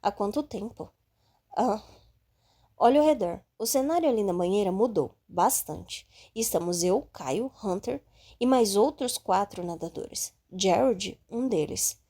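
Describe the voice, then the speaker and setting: A woman reading a first-person audiobook in a calm, steady way. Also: medium pitch, unhurried. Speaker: audiobook narrator.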